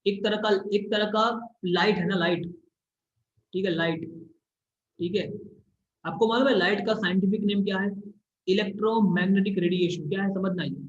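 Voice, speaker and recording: Male tutor, high voice, repetitive board-side explaining, echoey room. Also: steady tone, moderate pace, pauses often, a little hiss or hum. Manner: repetitive, keeps checking if students follow; draws on a board while explaining. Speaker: teacher. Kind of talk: classroom physics lesson. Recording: echoey room, slightly dull recording.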